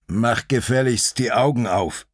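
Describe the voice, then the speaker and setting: A man's voice: medium pitch, unhurried, dry recording, studio quality, close to an everyday voice. A man voicing a stern, commanding mountain lion king who growls his orders.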